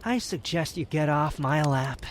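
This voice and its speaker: A man acts out a haughty young male wanderer for a romantic ASMR roleplay. He is prickly and dry, with formal wording that lets a reluctant fondness through. There is clear background ambience noise. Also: a little high, lively intonation, unhurried. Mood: irritated, threatening. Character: aloof, prickly young wanderer softening into affection.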